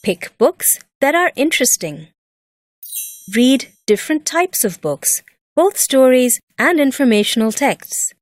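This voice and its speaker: This high-pitched woman delivers a scripted educational lesson, taking it step by step in a deliberate, measured, expressive teacher's manner, with no echo in the recording.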